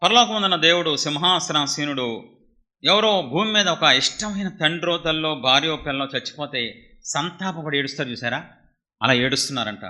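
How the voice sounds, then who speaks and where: Middle-aged pastor preaching hard, sharp bright voice, loud then hushed, lots of questions. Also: male voice, a little high, animated, normal speed, low-quality recording. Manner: impassioned, rhetorical questions, swings from loud to hushed. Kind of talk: Telugu sermon.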